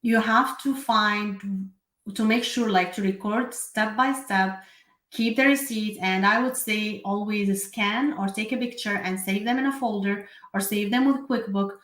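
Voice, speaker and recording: A woman's voice: medium pitch, steady tone, a little slow, fairly bright tone. Syrian-born lady, chatty bookkeeping host, lots of ums and restarts, echoey room. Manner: chatty, with many fillers and self-corrections. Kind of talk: casual live explainer.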